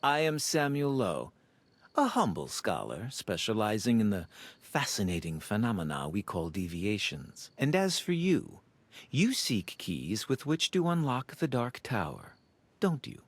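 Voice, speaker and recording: Theatrical, pompous gentleman scholar, lively pitch. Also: measured pace, no echo. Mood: grandly intrigued. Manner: theatrical, poetic, formal. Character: pompous, well-dressed male scholar fond of riddles. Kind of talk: video game voice acting.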